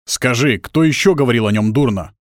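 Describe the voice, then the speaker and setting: Guy reading as stern bearded cult boss, calm and menacing, dry close sound. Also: medium pitch, dry recording, close to an everyday voice. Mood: interrogating. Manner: calm, commanding, slow and stern.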